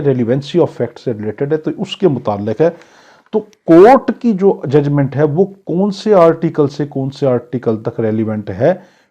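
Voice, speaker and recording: A law teacher with a Pakistani accent delivers an exam lecture, switching between reading English aloud and explaining it, repeating points and posing questions he then answers himself. His voice is medium-pitched and dark, captured in dull lo-fi sound.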